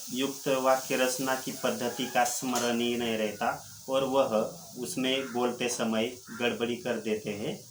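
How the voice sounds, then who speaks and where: A man giving a college Hindi lecture, explaining step by step in a deliberate way, with frequent pauses and fillers. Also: medium pitch. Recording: echoey room with faint noise.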